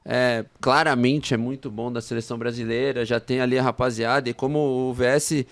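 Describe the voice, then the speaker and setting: A man who once played speaks as a pundit in a loose, slangy way and stresses his points hard. His voice sits mid pitch. The recording is dry. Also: fairly even intonation, brisk, no room sound. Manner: casual, slangy, emphatic. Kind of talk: debate panel commentary.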